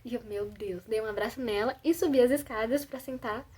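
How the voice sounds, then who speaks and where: A woman's voice: on the high side, brisk, darkish tone, slightly rough. A young woman from Brazil telling a personal story in a chatty, self-conscious way, full of fillers. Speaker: vlogger.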